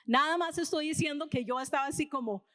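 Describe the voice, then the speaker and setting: High-voiced American woman preaching in Spanish. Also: fast, fairly bright tone. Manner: casual storytelling, tags lines with "¿verdad?". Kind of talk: conversational sermon. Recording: reverberant hall.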